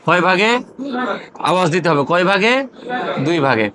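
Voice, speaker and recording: Man, Quran recitation teacher, high voice, call-and-response drilling, repeats every question. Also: expressive, moderate pace, a crowd in the background. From Bangladesh. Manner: repeats questions and prompts the class to answer aloud; drills terms in chanted repetition.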